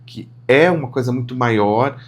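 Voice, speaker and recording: A man's voice: mid-range voice, normal speed. A middle-aged man co-hosting a podcast, speaking sincerely and reflectively in a casual chat. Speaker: podcast co-host.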